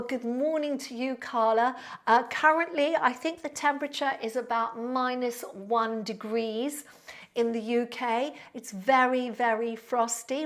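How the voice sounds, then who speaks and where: A woman in her 60s who teaches Pilates chats with her live-stream audience, reading their comments aloud and naming viewers to thank them. Her voice is a little high and fairly bright, and her talk meanders warmly with fillers.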